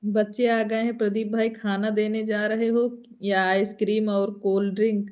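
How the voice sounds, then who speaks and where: A woman's voice: mid-range voice, flat delivery, moderate pace, darkish tone. A woman folk singer with an Awadhi Hindi accent, chatting at home on a live stream, laughing often and answering viewer comments.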